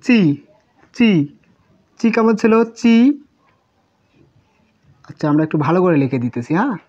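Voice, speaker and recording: A woman's voice: mid-range voice, big pitch swings, moderate pace, a little mellow. Patient woman teacher, repeats and writes as she talks; lo-fi classroom recording. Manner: patient, repeats syllables, thinks aloud while writing. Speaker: Japanese language teacher. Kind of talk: whiteboard lesson, slow drilling of syllables. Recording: muffled lo-fi recording.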